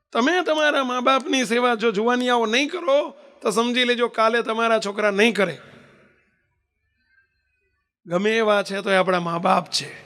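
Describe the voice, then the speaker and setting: A man's voice: high voice, fairly bright tone. A man delivers a sermon. He tells a homely parable in a folksy way, briefly taking on the voices of an old father and a small boy as he goes. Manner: folksy storytelling, acting out the old father and grandson. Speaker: swami preacher.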